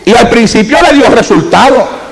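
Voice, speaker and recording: A man preaching a sermon as a pastor, telling a story and swinging from hushed to fervent. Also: very high-pitched, animated, moderate pace, creaky, slight background noise, rough recording.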